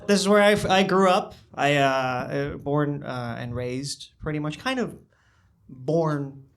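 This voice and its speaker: A young man doing a stand-up comedy set in a small club, talking into a handheld microphone with a dry, understated delivery and halting restarts. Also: a little high. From born in China, raised in the US. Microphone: handheld stage microphone.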